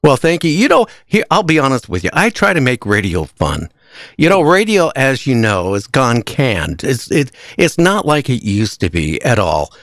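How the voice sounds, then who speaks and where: A male radio host chatting with a guest in an excitable, jokey way that breaks into laughs easily. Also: mid-range voice, normal speed, no echo, studio quality. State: out of breath. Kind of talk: casual interview.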